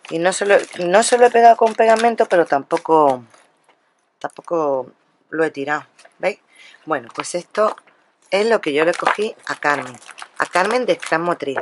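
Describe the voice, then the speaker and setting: With a deep voice and a little hiss or hum behind her, a craft vlogger from Spain narrates her shopping haul casually at a table. She chats straight to her viewers and keeps restarting what she's saying.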